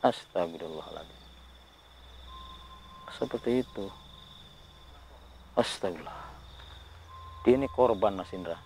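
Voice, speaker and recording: Hushed man murmuring prayers outdoors at night. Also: low-pitched, animated, a little slow, pauses often, a little hiss or hum. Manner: hushed, murmuring prayers, keeps addressing his companion. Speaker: ghost-hunting vlogger. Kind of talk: hushed on-the-spot narration. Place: outdoors at night near a ravine.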